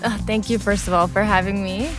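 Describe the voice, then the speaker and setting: A young woman from New York chatting casually as a podcast guest, easygoing and quick to laugh. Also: mid-range voice, steady tone, music in the background. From New York, United States. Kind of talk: casual interview chat.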